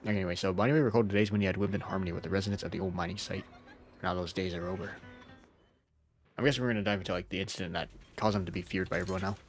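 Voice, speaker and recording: This streamer has a deep voice and fairly even intonation, and he talks at a racing pace over game music. He's sick but still chatty, quick to laugh and swear casually. His commentary on the live gameplay is relaxed, and he reads story summaries aloud.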